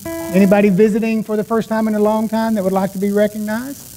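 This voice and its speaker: Mellow, high-pitched man leading church worship. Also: little pitch movement, quick pace, soft background music, poor audio. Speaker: prayer chaplain leading a church service. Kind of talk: church welcome and guided opening prayer. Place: church sanctuary during a service. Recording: live church recording with background noise.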